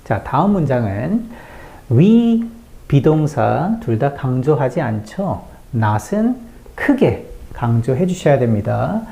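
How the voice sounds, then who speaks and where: A native Korean speaker teaching an English lesson, patiently explaining word stress step by step and slowly reading out example sentences. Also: mid-range voice, very animated, gravelly, dark tone. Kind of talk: online language lesson.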